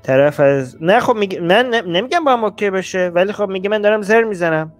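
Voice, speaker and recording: Brief: male host, reaction commentary, blunt and exasperated, slightly high voice. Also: animated, soft background music. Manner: blunt, exasperated, rising heat.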